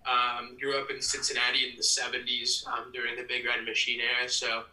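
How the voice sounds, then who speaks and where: Calling in from a room at home, this young Ohio man, who works as a PA announcer and ticket sales executive, is an earnest, casual podcast guest. He speaks fairly quickly at medium pitch, sounding pushed and bright, yet totally flat in delivery. The audio is roomy, with the mic a bit far off.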